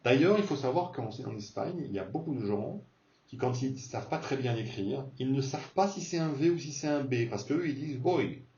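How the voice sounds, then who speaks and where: A man teaching a beginner Spanish lesson, repeating words slowly to model pronunciation. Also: mid-range voice, expressive, darkish tone, echoey room, far from the mic, muffled recording.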